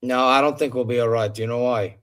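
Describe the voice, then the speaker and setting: A man's voice: mid-range voice, steady tone, fast talker, fairly bright tone. A man hosting a casual sports chat, opinionated and repeating himself for emphasis. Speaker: show host.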